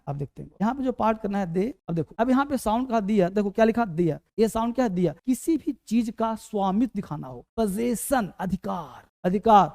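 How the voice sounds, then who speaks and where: A man's voice: high-pitched, a little mellow. A man with a Hindi accent leads an online English lesson for beginners. He talks in a repetitive, drilling way, saying each word several times and asking students to repeat after him. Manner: repetitive, drills pronunciation aloud. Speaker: English teacher. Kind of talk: online spoken-English class.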